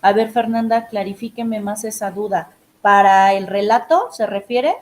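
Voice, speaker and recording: A woman's voice: mid-range voice, moderate pace, poor audio. A woman teacher giving emphatic, direct instructions to her students in an online class session.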